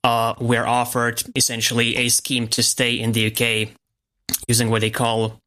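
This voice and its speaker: Brief: man, bright, crisp-edged voice, calm and explanatory interview guest. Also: medium pitch. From Lithuania. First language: Lithuanian. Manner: measured, explanatory. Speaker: podcast guest, software developer. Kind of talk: casual interview.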